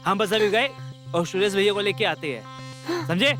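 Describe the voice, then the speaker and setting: An actor playing a young village husband, teasing and fond, then urgent when trouble comes. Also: male voice, sits high, animated, normal speed, music in the background. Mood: worried. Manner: teasing, repeats filler tags. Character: doting young village husband, protective son. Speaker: young husband, elder son.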